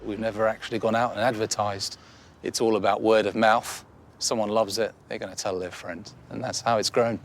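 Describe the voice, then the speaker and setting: Man, cookery show guest, friendly and chatty, hesitant with ums, low voice, faint music underneath. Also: level tone, brisk. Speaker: smokehouse owner, guest. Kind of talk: casual interview chat.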